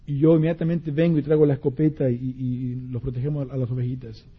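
A man voicing a weary father who guards sheep with a shotgun, in a calm fatherly tone on a muffled recording. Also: medium pitch, quick pace, breathy edge, voice pushed down, lightly acted. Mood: instructing.

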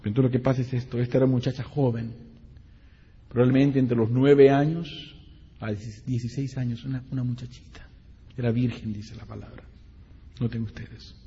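A man's voice: mid-range voice, fairly quick, breathy edge. A man preaching a sermon in a church, retelling scripture with dramatic voices and speaking directly to the congregation. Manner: animated, dramatic voicing of scripture characters, direct asides to the congregation. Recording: dull lo-fi recording with long hall reverb.

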